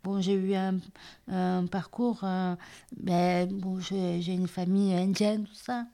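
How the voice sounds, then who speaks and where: A woman in her thirties, from southern India and raised in France, telling her life story in a hesitant way with many pauses and restarts. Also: medium pitch, flat delivery, gravelly. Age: 30s. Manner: hesitant, many fillers and restarts, soft-spoken. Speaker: interviewee. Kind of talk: personal testimony.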